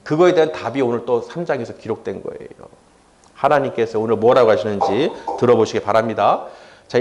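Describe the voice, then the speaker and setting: High-voiced Korean pastor preaching animatedly. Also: male voice. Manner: animated, acts out prophet's complaints to God with rising pitch; asks congregation for responses. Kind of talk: sermon.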